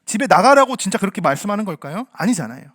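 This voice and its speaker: Animated high-voiced male pastor preaching. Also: rapid-fire, no echo, studio quality. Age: parent. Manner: acts out quoted voices, swings from loud to hushed. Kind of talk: sermon.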